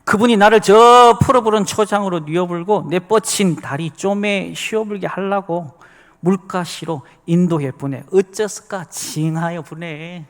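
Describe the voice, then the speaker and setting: A hearty, boisterous countryman in a thick Jeolla dialect, as a preacher puts him on, letting out drawn-out exclamations. The voice sits fairly high and carries a long hall reverb in a church sanctuary. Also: fairly bright tone. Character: boisterous folksy male Jeolla countryman reciting.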